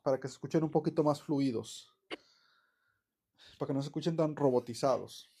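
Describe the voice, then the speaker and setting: A man giving a casual online English grammar lesson, chatty and relaxed, with many fillers and self-corrections. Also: a little high, brisk, creaky, breathy edge. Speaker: English teacher.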